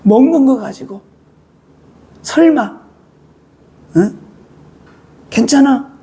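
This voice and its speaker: A preacher voicing Satan as a tempter who speaks softly and keeps urging someone to give in. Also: high voice, lively intonation, extremely slow, husky, exaggerated voice. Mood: coaxing. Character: coaxing tempter Satan speaking through the serpent.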